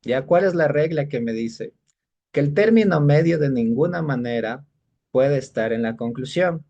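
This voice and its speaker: A man teaches an exam-prep lesson at a middling pitch, explaining step by step. He keeps pausing with short questions to make sure the class is following. The recording is dull and muffled. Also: expressive, warm tone.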